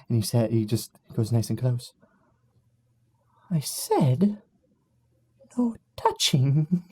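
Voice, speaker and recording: A man's voice: mid-range voice, warm tone. A man narrating as game master of a tabletop game, rambling with many fillers and laughing at his own jokes.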